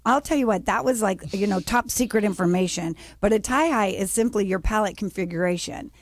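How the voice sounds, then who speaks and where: A middle-aged American woman tells her story as an interview guest, a lively storyteller who jumps her pitch up to act out the people she quotes. Her voice sits at a middle height and sounds close and dry, with no room around it. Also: a little fast, no room sound. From United States. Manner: animated storyteller, acts out quotes with raised pitch. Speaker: guest, business founder.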